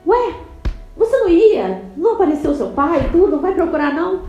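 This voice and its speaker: A woman's voice: extremely high pitch, big pitch swings, fairly quick, warm tone, reverberant, highs cut off, soft background music, voice pushed up, heavily acted. A woman putting on an eager, nosy friend. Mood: curious. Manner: eager, prying questions. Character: curious, chatty young woman friend.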